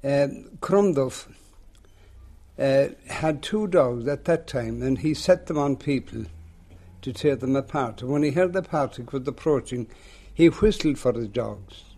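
Mellow, lilting old Irish storyteller, a man. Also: mid-range voice, unhurried. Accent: rural western Irish. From rural west of Ireland. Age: older, seventies or above. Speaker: local folklore teller. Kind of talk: oral storytelling in an interview.

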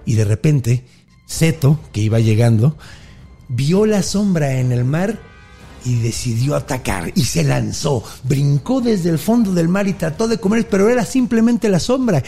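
A man with a Mexican accent casually retelling a Greek myth on a podcast, slangy, animated and jokey. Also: fairly high pitch, measured pace, vocal fry, breathy edge, faint music behind. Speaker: podcast storyteller. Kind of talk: casual mythology storytelling.

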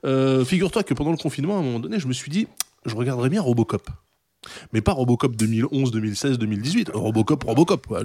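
A man co-hosting a casual broadcast chat, going off on lively tangents and swearing casually. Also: mid-range voice. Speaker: co-host. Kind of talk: casual hip-hop podcast chat.

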